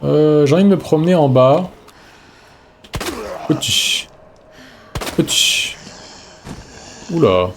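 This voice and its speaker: A man doing live let's-play commentary in a loose, slangy, chatty way. He talks half to himself and half to his audience. His pitch sits right in the middle for a man. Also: a little mellow, a little hiss or hum. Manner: casual slangy chatter, talking to himself and chat. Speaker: streamer.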